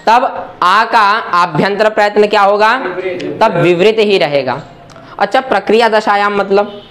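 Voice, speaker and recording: A man's voice: high-pitched, a bit bright. A man teaching Sanskrit grammar as a lesson, asking questions and answering them himself and checking often that the listener follows. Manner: asks and answers his own questions, checks understanding often. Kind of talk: classroom explanation.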